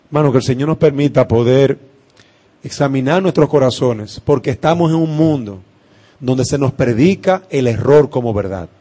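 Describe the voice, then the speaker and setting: An impassioned male preacher alternates between loud declarations and hushed words, leaning on emphatic pauses. His voice sits in the mid range.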